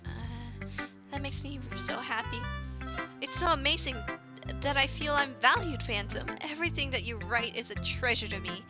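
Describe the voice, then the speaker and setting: A woman's voice: high voice, music in the background, close to an everyday voice. A woman reading a shy, flustered anime schoolgirl. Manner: nervous, halting, breathless. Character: shy, intense young woman in a visual novel.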